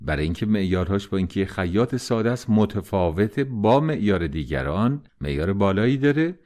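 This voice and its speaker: Male podcast storyteller, conversational, low voice, animated delivery. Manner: conversational, with personal asides. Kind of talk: podcast storytelling in modern retelling.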